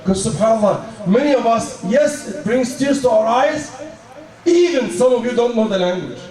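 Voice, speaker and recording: A man's voice: very high voice, animated, normal speed, darkish tone. A man preaching a sermon in an emphatic way, asking rhetorical questions and reciting verses. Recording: echoey hall, voice from a distant mic.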